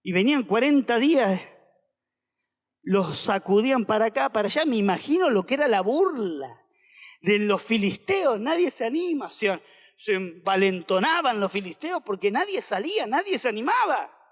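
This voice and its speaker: In a large hall with long, echoing reverb, a man with an Argentine Spanish accent delivers an emphatic sermon as a pastor, repeating lines so the congregation can echo them. His voice sits high, swings widely in pitch, and moves at a normal speed.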